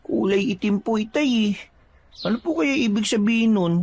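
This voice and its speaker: A man's voice: high voice, moderate pace, gravelly, a little mellow, pitched above the performer's own voice. A man voicing a timid, sensitive young village boy who speaks politely and respectfully.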